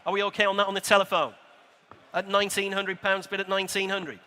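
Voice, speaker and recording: A man's voice: sits high, level tone, fast, sharp tone, clear, resonant tone. A British man working as an auctioneer, calling bids in rhythmic repeated prices with polite, chatty asides to bidders. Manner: polite, courteous address to bidders. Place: large indoor auction hall at a motor show. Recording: PA voice in large reverberant hall.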